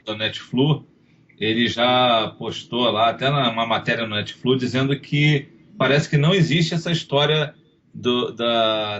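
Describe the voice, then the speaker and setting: A man's voice: mid-range voice, a bit bright. A hesitant man who restarts his sentences often, speaking as a panelist on a casual football chat show. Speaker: podcast panelist. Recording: dull lo-fi sound with faint hiss.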